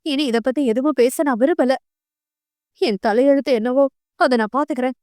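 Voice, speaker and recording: A woman voicing a heartbroken young bride, high and bitter. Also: moderate pace, darkish tone, no echo, clean studio sound, close to an everyday voice. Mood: bitter anger. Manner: pleading then angry, breaking voice.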